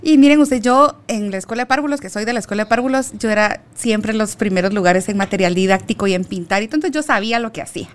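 A woman guest on a podcast, a teacher and storyteller, talking in an animated way with many fillers. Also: medium pitch, fast talker, few pauses. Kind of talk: conversational interview.

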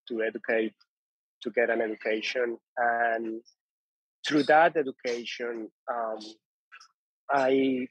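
Colombian-born man, husky and halting. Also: mid-range voice, a bit bright, dry recording, lo-fi sound. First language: Spanish. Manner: halting, many restarts and repeated words. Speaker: guest, coffee importer. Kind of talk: conversational interview.

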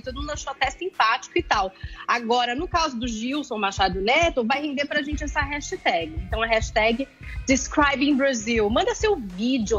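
A woman's voice: a little high, a bit bright, dull audio. Wry, chatty woman commentator. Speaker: panel commentator. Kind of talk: casual opinion commentary.

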